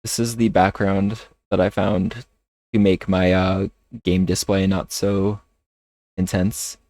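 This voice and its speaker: A man chatting casually on a livestream while playing a game, talking in a hesitant, halting way. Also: low-pitched, level tone, mellow, no echo. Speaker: streamer. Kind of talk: casual livestream chat over gameplay.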